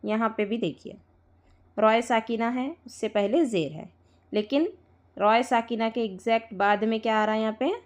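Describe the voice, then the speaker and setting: A woman teaching Quran recitation rules to students, patiently repeating points, spelling out letters slowly and checking often that they follow. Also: a little high. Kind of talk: live tajweed lesson to students.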